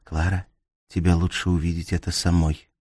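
Male narrator doing a grumbly, scared girlfriend; very low voice, no room sound. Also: level tone, normal speed, a little mellow, no echo, studio quality. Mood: hushed. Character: young woman friend, drowsy, quietly frightened.

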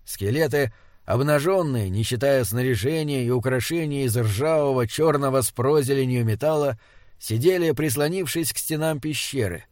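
A man narrating an audiobook in a measured, descriptive way. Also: mid-range voice, darkish tone, no room sound, clean studio sound.

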